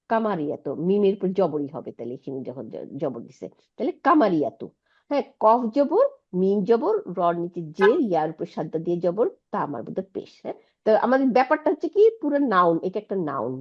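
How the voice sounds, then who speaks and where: A woman's voice: mid-range voice, big pitch swings, fairly quick, husky, highs cut off. A woman teaching an Arabic lesson, patiently explaining and asking her students checking questions. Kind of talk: online Quranic Arabic lesson.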